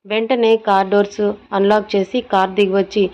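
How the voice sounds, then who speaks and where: A woman storyteller giving scripted narration of a romance serial in a steady, even way. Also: medium pitch, brisk. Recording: dull lo-fi audio.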